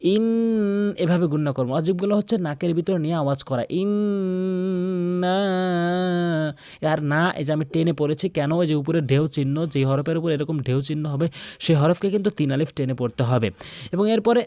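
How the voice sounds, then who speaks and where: A man's voice: a little high, brisk, warm tone, dry recording. A man teaching Quran recitation, explaining pronunciation rules step by step and repeating sounds for the listener to practice. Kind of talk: tutorial lesson with recitation examples.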